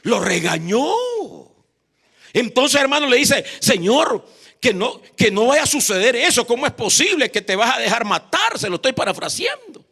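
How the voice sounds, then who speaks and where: A Honduran man preaches in a church. His voice sits high and has a gravelly edge, and he keeps pulling the congregation in, asking them to repeat after him. He is bright and forceful. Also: big pitch swings, normal speed. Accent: Honduran Spanish. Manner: repeats "hermano" constantly, calls for responses. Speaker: evangelist preacher. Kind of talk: sermon.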